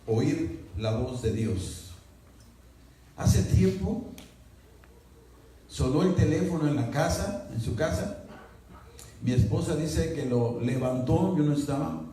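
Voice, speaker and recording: A pastor preaching an emphatic, slow sermon and praying aloud to his congregation. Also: mid-range voice, dark tone, a little hiss or hum. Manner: prayerful, slow and emphatic, acts out quoted voices. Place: church sanctuary. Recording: very echoey church hall from far off.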